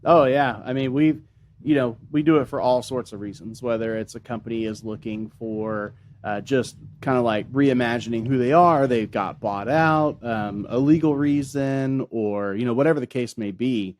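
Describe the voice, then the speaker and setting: Man, podcast host, relaxed, conversational, mid pitch, faint background noise. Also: normal speed. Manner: relaxed and conversational, with fillers like "you know" and "um". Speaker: podcast host, marketing agency owner. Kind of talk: casual podcast chat.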